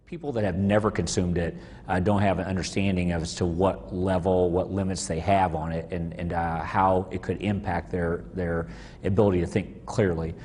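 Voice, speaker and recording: A middle-aged man giving a halting, unscripted interview answer, searching for words. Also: little pitch movement, a little mellow. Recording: boomy reverberant room, low rumble.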